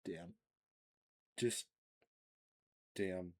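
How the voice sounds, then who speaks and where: A game streamer with a low-pitched voice and drawn-out words reacts effusively and emotionally in let's-play commentary, sometimes reading the game's text aloud. Game music plays in the background.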